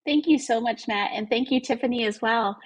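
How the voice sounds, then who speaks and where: A woman's voice: on the high side, brisk. A woman acting as event host, moderating an online webinar between presenters. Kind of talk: webinar hosting.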